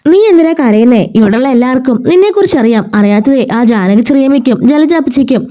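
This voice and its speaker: A woman's voice: high-pitched, animated, fast talker, dark tone. A woman doing a tender young husband. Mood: tender reassurance. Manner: tender, reassuring. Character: young husband comforting his crying wife.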